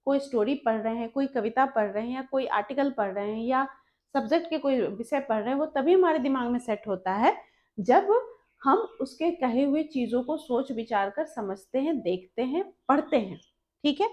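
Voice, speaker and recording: A woman's voice: high voice, lively intonation, normal speed, a little mellow. A young woman teaching an exam-prep lesson, explaining step by step and repeating key terms, mixing English words into her talk. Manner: mixes English terms into Hindi. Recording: slightly dull lo-fi recording.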